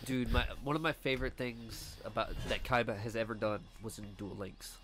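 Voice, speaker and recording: A young man co-hosting a casual let's play, telling animated stories, acting out quotes and laughing loudly. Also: mid-range voice, a little fast. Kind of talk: casual gaming banter.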